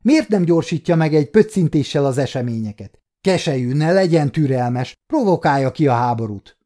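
A man voicing a furious, aggressive human prisoner who talks in shouting, breathless outbursts, in a storybook reading. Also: on the high side, animated, voice pushed up, natural voice.

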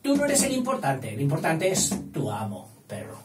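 A man's voice: fairly high pitch, wildly swooping pitch, moderate pace, faint music behind. A man playing a scolding, self-assured word. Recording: echoey room, distant mic.

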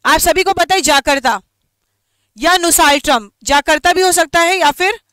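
Woman coaching teacher, high voice, dry close sound, quizzes students and repeats questions. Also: bright, forceful tone, no echo. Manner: quizzes students, repeats each question, mixes English into her talk; reads English questions slowly and carefully. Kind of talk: live online quiz lesson.

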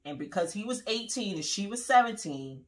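Brisk and animated, a medium-pitched woman in her forties co-hosts a podcast in a small living room. Her casual chat rambles from story to story, punctuated by frequent laughter.

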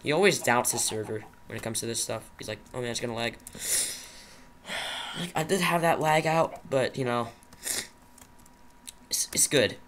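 Young male gaming host, nervous and rambling, bright tone, faint background noise. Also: medium pitch, measured pace, pauses often. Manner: jittery, rambling, talks to himself. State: nervous, shaky. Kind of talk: Minecraft commentary.

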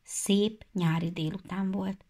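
A woman narrating a children's storybook in a measured, expressive way. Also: mid-range voice. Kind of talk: storybook reading.

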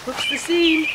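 A woman's voice: very high-pitched, distant mic. Playful woman in a noisy rainy forest. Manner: playful, nervous, giggly. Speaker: camping companion. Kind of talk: casual chat. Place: forest campsite outdoors in rain. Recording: loud outdoor noise, camera mic.

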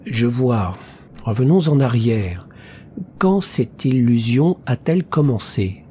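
A gruff middle-aged psychoanalyst, read by a man in an audiobook, clipped and impatient, barking his questions. The voice is dark and mellow at a middling pitch, and a faint hiss sits under the recording. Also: expressive, takes it slowly. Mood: curt. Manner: curt, irritable. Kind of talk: audiobook reading.

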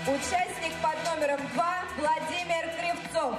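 High-voiced woman announcing over loud music. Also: fairly even intonation, unhurried. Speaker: contest host. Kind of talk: scripted ceremonial stage announcing. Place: large theatre stage, indoors. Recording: echoey hall from far off, loud music behind.

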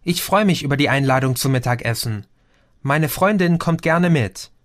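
In a clean, echo-free studio recording, a man voices a cheerful young woman teasing her friend, pitching his natural voice above his own. His mid-range delivery is upbeat, with lively intonation, normal speed, and a fairly bright tone.

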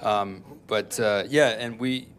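A man's voice: on the low side, fairly even intonation, takes it slowly, fairly bright tone. A man being interviewed as an actor at a press event, answering in an easygoing, rambling way.

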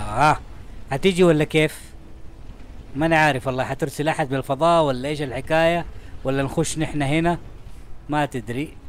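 A young man giving chatty, excitable let's-play commentary as a gaming channel host, talking to the game and its items. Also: a little high, slight background noise.

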